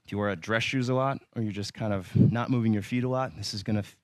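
A man leading a yoga workout, giving calm, encouraging cues with light humor and sometimes slightly out of breath. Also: lowish voice, fast talker, no room sound. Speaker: yoga instructor. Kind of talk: guided yoga class instruction.

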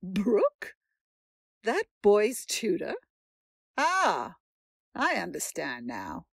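A woman's voice: mid-range voice, wildly swooping pitch, extremely slow, gravelly, slightly rough, no echo, clean studio sound, full character voice. A woman playing a stern, imperious elderly rich aunt who scolds her niece, in an audio drama. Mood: scolding. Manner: haughty, scolding. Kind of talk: radio drama acting.

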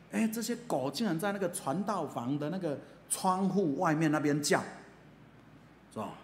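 A man's voice: on the high side, slight background noise. A man preaching in a chatty storytelling sermon with a Taiwanese Mandarin accent, dropping many filler particles. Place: church hall. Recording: echoey church hall, faint ambience.

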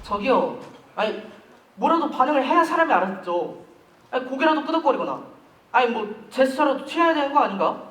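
A man's voice: very high voice, sing-song, a bit bright, heavily acted. A teenage boy in a school play, acting a chatty, easily offended schoolboy who grumbles a lot. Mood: irritated. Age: teens. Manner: talkative, quick to take offence, grumbling. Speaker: student actor in a school play. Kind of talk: amateur stage acting. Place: school stage. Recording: echoey hall, mic far from stage, faint noise.

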